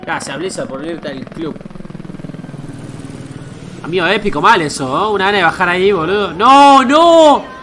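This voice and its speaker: A man with an Argentine accent, reacting live as a streamer, excitable and casually swearing while he greets his chat. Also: a little high, normal speed, long pauses, over music. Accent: Argentine Spanish.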